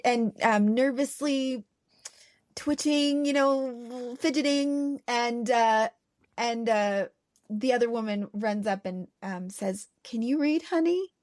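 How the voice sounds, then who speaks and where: A woman's voice: on the high side, fairly even intonation, slow, a little mellow, dry recording, studio quality. A woman co-hosting a podcast in casual chat, a former teacher who laughs often and acts out quotes as she tells stories.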